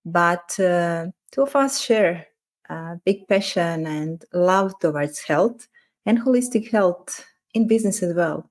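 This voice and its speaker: A woman's voice: on the low side, animated, slow pace. Woman coach, reflective podcast talk. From Croatia. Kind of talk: casual podcast conversation.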